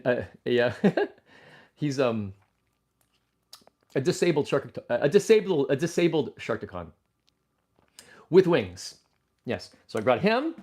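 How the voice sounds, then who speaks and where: Excitable man hosting a livestream. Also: medium pitch. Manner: excitable, animated, breaks into loud exclamations; rambling with frequent restarts. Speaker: livestream host. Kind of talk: casual livestream chat.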